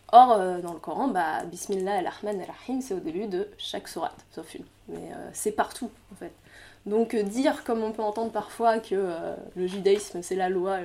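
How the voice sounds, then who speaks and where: A woman's voice: mid-range voice, darkish tone. A woman giving a lecture, explaining step by step, thinking aloud with frequent fillers and restarts. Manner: explanatory, laughs lightly at own remarks. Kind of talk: lecture on Quranic mysticism.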